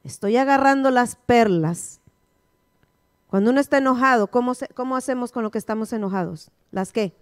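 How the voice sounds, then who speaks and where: A woman's voice: a little high, normal speed, smooth, no echo, clean studio sound. A woman pastor teaching a sermon, quizzing her listeners with repeated questions. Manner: call-and-response, repeated questions to the congregation.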